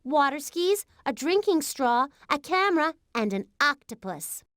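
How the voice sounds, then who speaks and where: A woman's voice: sits high, very animated, unhurried, noisy background. A woman voicing a mischievous young girl prankster in an educational game, taunting and bossy. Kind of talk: 1990s educational game voice acting.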